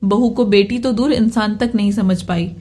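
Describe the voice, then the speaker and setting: A woman's voice: medium pitch, normal speed, dark tone. A woman narrating a family story from a script, reading the characters' lines in her own voice.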